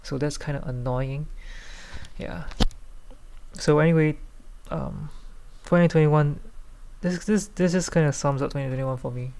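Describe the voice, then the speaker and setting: A man's voice: fairly high pitch, a little slow, a little mellow, clear, resonant tone. A man podcasting solo in a tipsy, loose, rambling casual chat, hesitating, trailing off and circling back. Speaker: podcast host.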